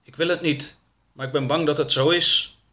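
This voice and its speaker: A man's voice: fairly high pitch, fairly even intonation, moderate pace, sharp tone, pitched above the performer's own voice. Male narrator playing a timid, tearful young woman; hesitant, voice lifted a bit, storybook. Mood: anxious. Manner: hesitant, anxious. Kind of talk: storybook reading.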